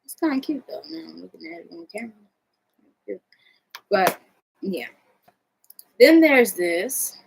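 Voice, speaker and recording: A woman's voice: mid-range voice, sing-song, a little slow, creaky, pauses often, slight background noise, rough recording. An American woman chatting casually in a vlog, rambling in a laid-back way and swearing freely. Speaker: vlogger showing own artwork. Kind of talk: casual chat.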